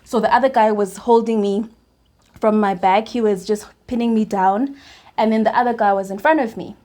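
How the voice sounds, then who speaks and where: A young South African woman with a South African accent, telling a personal story in a storytime vlog, animated and laughing often between restarts. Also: medium pitch, normal speed. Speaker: YouTuber.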